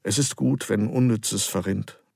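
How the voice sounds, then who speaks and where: A man's voice: fairly low pitch, unhurried, vocal fry, a little mellow, no echo, studio quality. A man reading the inner thoughts of a weary, brooding traveler in a storybook. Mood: resigned.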